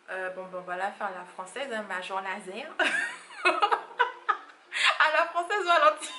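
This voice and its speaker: A woman's voice: mid-range voice, pushed and bright, reverberant, slight background noise. A woman chatting casually as a beauty vlogger, rambling with frequent fillers and laughs. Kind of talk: casual monthly favorites vlog.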